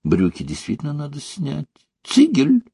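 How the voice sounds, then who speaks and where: A man giving voice to a sleepy young woman who scolds fondly. She speaks softly and drowsily. The sound is close and dry. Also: on the high side, wildly swooping pitch, moderate pace, vocal fry, husky, no echo, voice pushed up, heavily acted. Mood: tender. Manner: soft, sleepy and gently scolding.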